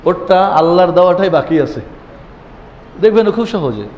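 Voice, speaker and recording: Male Quran teacher, a bit high-pitched, chants letters for repetition, echoey hall. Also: lively intonation, moderate pace, dull audio, slight background noise. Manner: chants Arabic letter names loudly for repetition. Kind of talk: Quran recitation lesson. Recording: echoey hall with faint ambience.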